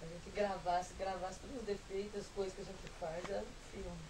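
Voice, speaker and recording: A woman's voice: medium pitch, fairly even intonation, a little fast, far from the mic, background noise. A woman from Brazil in casual chat among friends, exclaiming often and breaking into giggles, filmed on a home video camera.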